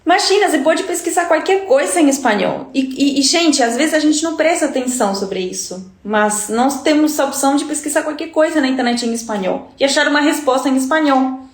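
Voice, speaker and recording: A woman's voice: sits high, expressive, fairly quick, hardly any pauses, echoey room. A woman from Uruguay, a native Spanish speaker with a Uruguayan Spanish accent, teaching Spanish in a live-stream lesson and checking in with her listeners all the time. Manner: chatty, checks in with listeners often.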